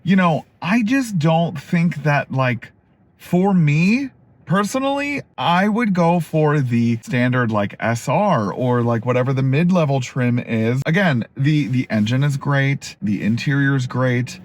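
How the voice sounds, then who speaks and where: A man's voice: mid-range voice, expressive, measured pace. Chatty man reviewing a truck while driving. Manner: chatty, many fillers like "like" and "you know". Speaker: car reviewer host. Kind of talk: casual vlog car review. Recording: road and engine noise in a moving truck.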